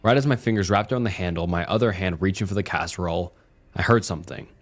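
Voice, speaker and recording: Deep-voiced man narrating a horror story. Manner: steady, measured first-person storytelling. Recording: soft music underneath.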